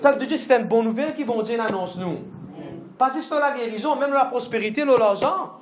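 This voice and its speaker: A man's voice: extremely high pitch, fairly quick, roomy sound. A man pastor, preaching a sermon emphatically with lots of repetition and English phrases mixed in.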